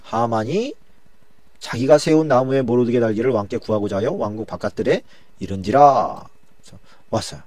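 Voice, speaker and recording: A male pastor teaching a Bible study lesson with colloquial, animated storytelling. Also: medium pitch, fairly quick, dry recording.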